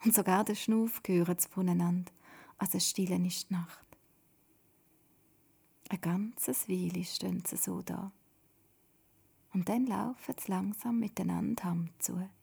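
A woman telling a bedtime story in a breathy whisper. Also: fairly low pitch, fairly even intonation, a little slow, pauses often, dark tone.

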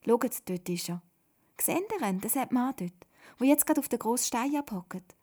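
Woman doing an excited Swiss German village dad. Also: on the high side, normal speed, husky, voice pushed up. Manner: excited, urging.

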